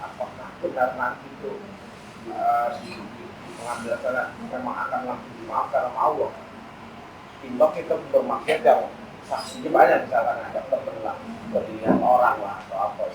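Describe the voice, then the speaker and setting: A man in a mosque audience asking a question haltingly, with fillers. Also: mid-range voice, fairly even intonation. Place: mosque hall. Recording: echoey hall, distant mic, clear noise.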